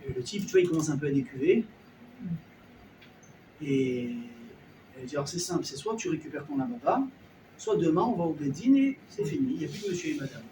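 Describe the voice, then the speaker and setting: Lively man telling a story in an echoey room. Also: on the high side, fairly quick, long pauses, noisy background. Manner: lively storyteller acting out characters, colloquial. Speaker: rabbi. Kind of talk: storytelling sermon. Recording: echoey room, voice a bit far from the mic.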